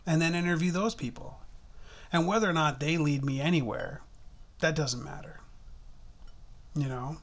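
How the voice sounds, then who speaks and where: A man's voice: fairly high pitch, moderate pace, pauses often, fairly bright tone. A man co-hosting a podcast in casual chat, rambling and laughing often as he talks. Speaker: podcast co-host. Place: Toronto, Canada.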